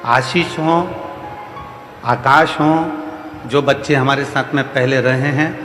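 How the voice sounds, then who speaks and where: Slowly and with fairly even intonation, an Indian kathavachak preaches a devotional sermon to those gathered, his mid-range voice a bit bright. Rhetorical repetition and emphatic refrains carry his points, and faint music sounds behind him in a reverberant hall.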